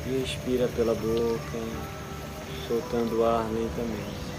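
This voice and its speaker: A man with a Brazilian accent leading a guided relaxation meditation, speaking calmly and soothingly in short, spaced-out instructions. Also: medium pitch, measured pace, low-quality recording. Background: music behind the voice.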